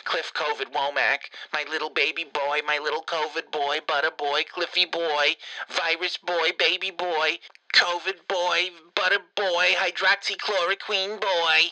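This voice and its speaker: A man's voice: on the high side, pushed and bright, rough recording. A man voicing a foul-mouthed, rambling old grandmother leaving a voicemail, doting one moment and cursing the next. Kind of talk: comedic prank voicemail.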